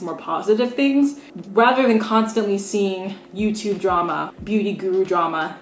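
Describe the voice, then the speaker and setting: A young woman from the United States talks straight to camera as a beauty vlogger, candid and opinionated. Her voice sits at a middle pitch and her speech is loose, peppered with "like." The sound carries a noticeable room echo. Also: a little mellow. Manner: frank, opinionated, conversational with many "like"s. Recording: roomy echo.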